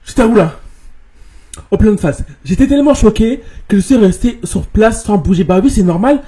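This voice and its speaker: A man from France hosting, casually reading viewers' stories aloud and commenting on them. He talks in an animated way, repeats words and mixes in English slang. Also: high-pitched, moderate pace.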